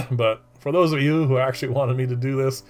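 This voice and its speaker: A middle-aged man presenting a casual woodworking voice-over in a monotone, droning, rambling and hesitant way. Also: mid-range voice, fairly quick. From Canada.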